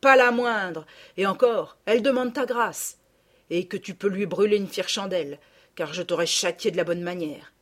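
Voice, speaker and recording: A woman's voice: mid-range voice, normal speed, fairly bright tone, close to an everyday voice. A woman voicing a middle-aged peasant gardener woman who scolds and gossips in blunt rustic speech, read as an audiobook character. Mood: scolding.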